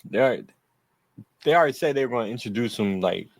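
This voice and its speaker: A man's voice: medium pitch, animated, fast, no echo. A man co-hosting a podcast, talking football in a profane, laughing, trash-talking way. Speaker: podcast co-host. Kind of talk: casual sports chat.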